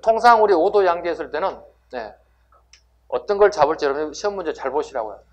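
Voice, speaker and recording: A man's voice: fairly high pitch, animated, fast talker, darkish tone, lo-fi sound. A man teaching history to exam students in a classroom lecture, asking rhetorical questions and answering them himself with emphasis.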